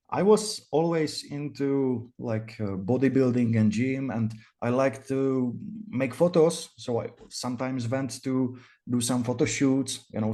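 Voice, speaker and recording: A man in his twenties from the Czech Republic with a Czech accent, giving casual interview answers in a halting, hesitant way. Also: mid-range voice, darkish tone. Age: 20s. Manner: hesitant, halting delivery full of pauses. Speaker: interview guest, virtual cam studio owner.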